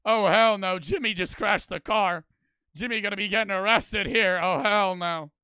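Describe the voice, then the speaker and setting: A man hosting a reaction video, commenting excitedly and swearing as he reacts to footage. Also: high voice, normal speed, clear, resonant tone. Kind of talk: casual commentary.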